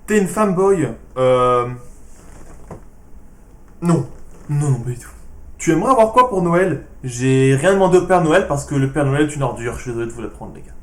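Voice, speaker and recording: A man runs through viewer questions with dry, sarcastic answers, keeping his voice hushed. His voice sits a little high, and the room around him sounds echoey. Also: lively intonation, moderate pace, long pauses. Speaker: YouTuber answering fan questions. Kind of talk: casual Q&A vlog.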